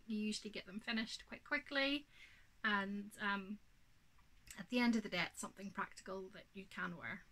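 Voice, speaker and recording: A Northern Irish woman in her thirties, voice mid-range, pushed and bright, hosts a knitting podcast from her home craft room. She's chatty and unhurried, doing a casual show-and-tell of her knitting with lots of ums, and sounds a little snuffly from hay fever.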